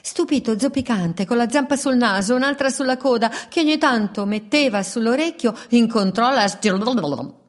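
A woman reading a children's story aloud in a playful, expressive way, with repeated refrains. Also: a little high, fairly quick, hardly any pauses.

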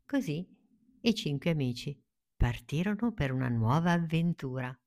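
A woman narrating a children's storybook in a gentle, soothing way. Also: low-pitched, lively intonation, moderate pace. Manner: gentle, soothing, dropping to a hush in tense moments.

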